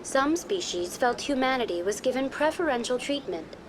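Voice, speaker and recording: A woman voicing a courteous virtual intelligence guide in a science fiction game, formal, measured and impersonal. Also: sits high, animated, background noise. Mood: polite, composed. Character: courteous female virtual intelligence tour guide on a space station. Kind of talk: scripted informational game dialogue.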